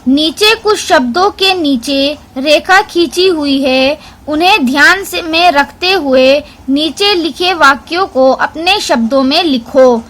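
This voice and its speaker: High bright-voiced woman teacher. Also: slow pace. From India. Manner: clear, instructive, addresses children directly. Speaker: primary school teacher. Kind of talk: online class lesson, explaining a textbook.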